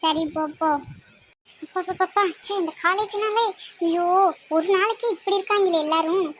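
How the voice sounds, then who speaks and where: A woman's voice: very high voice, normal speed. A woman voicing a timid young female college freshman who talks anxiously and complains.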